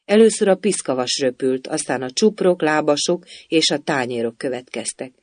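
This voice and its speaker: A man narrating a storybook in a measured, even way. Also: a little high, no room sound. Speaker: audiobook narrator.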